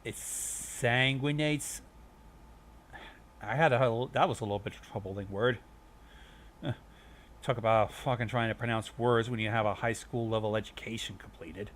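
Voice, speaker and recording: A man's voice: fairly low pitch, fairly even intonation, brisk, slight background noise. A man giving a comedic reading of a fanfic, breaking off for sarcastic, profane asides. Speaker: fanfic reader.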